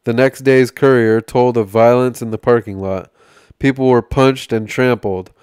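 A man hosting a podcast, reading a magazine article aloud in a measured way, with small slips and restarts. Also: mid-range voice, steady tone, darkish tone, clear, resonant tone, dry recording, studio quality.

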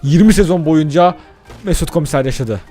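Excitable young-sounding man narrating gameplay. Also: on the high side, brisk, faint music behind. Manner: excitable, chatty, curses casually at the game; addresses viewers directly. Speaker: gaming YouTuber. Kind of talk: let's-play commentary.

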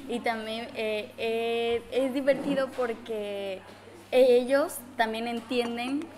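Young Mexican woman, Spanish accent, higher voice. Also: steady tone, slow pace, darkish tone. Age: young adult. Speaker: exchange student interviewee. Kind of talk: casual interview in Spanish with some attempts at Portuguese. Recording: busy chatter of people behind. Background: crowd chatter.

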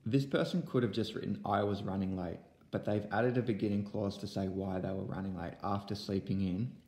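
A man's voice: fairly low pitch, steady tone, fairly quick, dark tone, roomy sound. A young man teaching an online lesson to young pupils from home, explaining step by step into a laptop webcam. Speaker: primary school teacher. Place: room at home.

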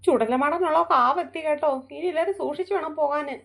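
A woman with a high, quick voice leads the group in a home-made family skit. She tells the story briskly and breaks into fearful exclamations. Music plays clearly underneath her.

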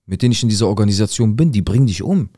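A man's voice: on the low side, animated, very fast, dark tone, no room sound. A man voicing a worried teenage girl who pleads and warns her boyfriend, recorded dry and close. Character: anxious teenage girl, secretive girlfriend.

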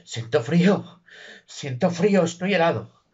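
A soaked young suitor declaims his love in a stage comedy, as a man puts him on. He sounds loud and husky, and the recording is muffled and dull. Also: fairly high pitch, animated, measured pace. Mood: ardent. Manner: declamatory, theatrical. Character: young male lover, soaked and pompous.

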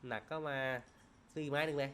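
A man giving excitable, profane live commentary on a slot game stream. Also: fairly high pitch, fast. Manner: excitable, swears often, shouts at spins.

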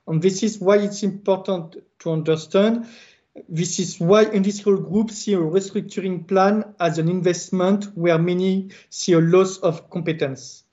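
A man with a French accent speaks earnest, halting English on a video call. His voice sits a little high, and the sound is dull and lo-fi. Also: darkish tone. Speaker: works council secretary. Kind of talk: online panel presentation.

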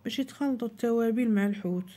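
Woman, Moroccan Arabic accent, cooking tutorial voice-over, very mellow dark tone, plain instructive delivery. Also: on the high side, racing. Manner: plain, instructive, addresses viewers directly. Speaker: cooking channel host.

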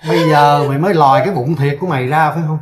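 A man's voice: on the high side, fairly even intonation, racing, very noisy, lightly acted. An actor playing an angry, domineering older rural father-in-law with a Southern Vietnamese accent, scolding and commanding. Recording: roomy, distant mic.

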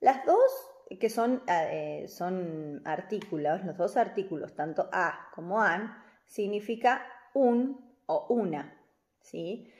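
A woman, teaching a recorded English class to children, slow and patient as she explains grammar. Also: lowish voice, expressive, a little mellow, reverberant. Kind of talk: recorded remote class for kids.

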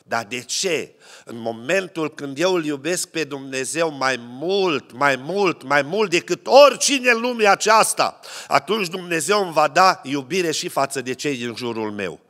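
A man's voice: a little high, expressive, a bit bright. A man preaching a sermon, telling stories and acting out the voices of people in them. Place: church hall. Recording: long church hall reverb.

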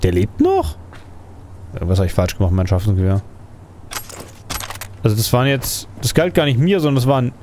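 A man narrates his own video game session in a loose, thinking-aloud way. He wanders between thoughts and often ends with a questioning tag. Quiet game music plays faintly behind his voice. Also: medium pitch. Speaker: let's play gamer. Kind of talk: casual gameplay commentary.

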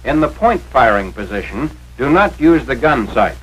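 A medium-pitched American man narrates a scripted 1940s instructional film in a sing-song manner at a moderate pace. His delivery is authoritative and carefully enunciated, like a step-by-step lesson. The recording is a noisy 1940s soundtrack with a radio-like quality.

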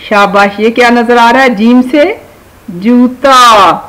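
A woman's voice: fairly high pitch, rough recording. A woman teaching children a beginner Urdu lesson, spelling words out letter by letter and praising them as she goes. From Pakistan. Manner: drawn-out, slow spelling of words, warm coaxing praise.

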